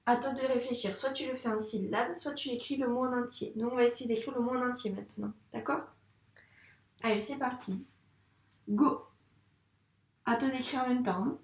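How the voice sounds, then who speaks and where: A woman teaching young children handwriting, speaking patiently and slowly spelling words out syllable by syllable. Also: a little high, steady tone, echoey room, distant mic. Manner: slow, patient, syllable-by-syllable dictation. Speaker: primary school teacher.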